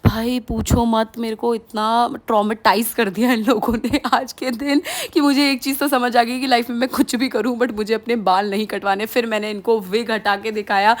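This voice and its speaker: A young woman in her twenties tells a story over her vlog footage with animated energy, voicing the scolding she got and mixing in quick English phrases. Her voice sits a little high for a woman. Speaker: vlogger. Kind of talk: casual vlog voice-over narration.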